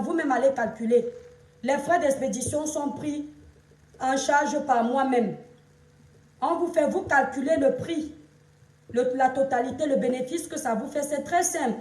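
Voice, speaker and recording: A Cameroonian woman with a Cameroonian French accent, hoarse from shouting, chatting on a live stream, greeting viewers and lecturing them. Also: high voice, reverberant, distant mic, a little hiss or hum. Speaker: livestream influencer and seller. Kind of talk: casual Facebook live chat.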